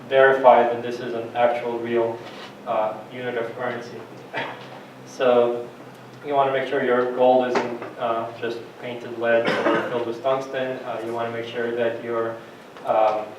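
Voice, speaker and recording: A man gives an introductory talk at a conference, pausing often in a loose, conversational way. His flat-toned voice reaches the mic from across a strongly echoing lecture room. The sound is dull, with little treble. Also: mid-range voice, slight background noise. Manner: halting, conversational, full of fillers. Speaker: conference speaker. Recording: echoey, dull sound from far off.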